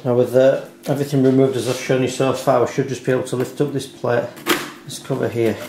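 Here a man with a mid-range voice and level tone talks fast while still explaining a hands-on repair carefully and without hurry, step by step. He's at home at the dining table, and the recording has room echo, hiss, and handling clicks.

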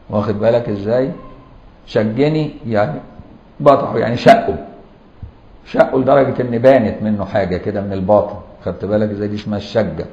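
A man with an Egyptian accent giving a classroom lecture. He explains patiently and checks that students follow with rhetorical questions, sometimes chanting verses slowly. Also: lowish voice, darkish tone. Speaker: Islamic jurisprudence teacher. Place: lecture hall or mosque. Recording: roomy, dull lo-fi lecture recording.

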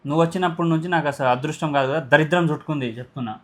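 A man's voice: fairly high pitch, racing. Man scolding his wife. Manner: scolding harshly, then coaxing and soothing. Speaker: husband pulling a prank on his wife. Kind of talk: staged couple prank, casual talk.

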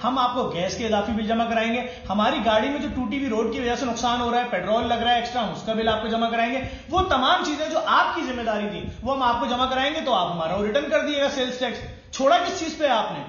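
An indignant young man delivers a heated rant to a phone camera, naming item after item. His voice sits very high for a man. The recording is heavily echoey and dull, like lo-fi phone video. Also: fairly bright tone, a little hiss or hum. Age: young adult. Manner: indignant, lists items one by one while holding them up. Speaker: citizen making a complaint video.

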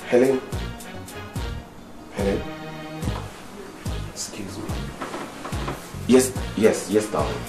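A smooth-talking ladies' man, very deep and murmuring as he placates a lover. His voice rings in an echoey room with music behind. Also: animated, drawn-out words, pauses often. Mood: placating.

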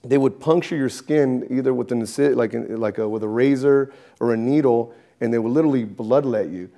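A man's voice: mid-range voice, brisk. A man in his thirties, a barber, telling stories in a documentary interview inside a barbershop. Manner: animated storytelling, gesturing.

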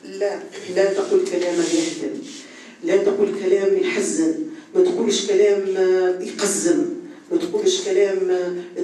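A woman's voice: lowish voice, mellow. Earnest Tunisian woman teaching morals, heard from afar in a very echoey hall. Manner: earnest, exhorting, repeats for emphasis. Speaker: religious teacher. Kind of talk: religious lecture on ethics. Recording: echoey hall, far from the mic, faint noise.

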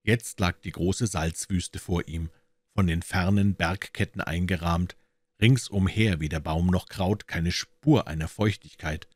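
Deep-voiced man reading aloud. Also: a little slow, no echo. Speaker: audiobook reader. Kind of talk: scripted narration.

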